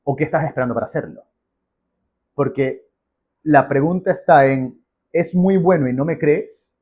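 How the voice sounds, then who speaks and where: A man with a Venezuelan accent and a fairly high, slightly breathy voice speaks at a moderate pace as a podcast guest and business professional. He answers interview questions emphatically and conversationally, repeating phrases. The audio is muffled and narrow, like a phone line.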